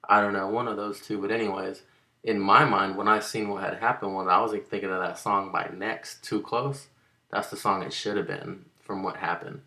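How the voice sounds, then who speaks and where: A man's voice: lowish voice, pushed and bright. A man casually telling a rambling, slangy story to the camera, full of fillers and asides.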